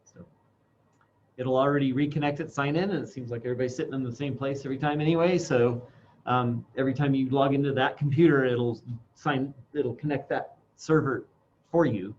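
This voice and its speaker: A man's voice: mid-range voice, darkish tone. Muffled male instructor in a face mask. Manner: speaking through a face mask; halting, thinking aloud. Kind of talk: informal classroom software demonstration. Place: classroom. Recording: dull lo-fi sound, faint background noise.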